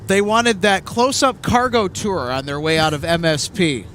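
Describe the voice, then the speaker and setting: A man's voice: sits high, steady tone, moderate pace, fairly bright tone. A man hosting a live stream outdoors, giving casual commentary on aircraft movements. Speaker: livestream host and plane spotter. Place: outdoors near an airport. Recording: outdoor airfield with faint vehicle noise.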